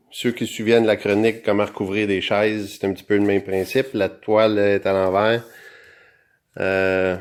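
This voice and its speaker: A man's voice: fairly low pitch, darkish tone. A man with a Québécois accent and an electronically altered voice, chatting casually through a do-it-yourself demonstration as the show's host. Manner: chatty, talks directly to viewers. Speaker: DIY show host. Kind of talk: casual how-to explanation.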